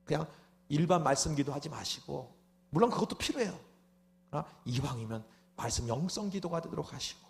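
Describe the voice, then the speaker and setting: A man preaching at a revival meeting in a high, bright-pitched voice. He talks in an animated way, firing off rhetorical asides and acting out prayers. At times he swells into loud, fervent shouted prayer. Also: brisk, gravelly. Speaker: pastor.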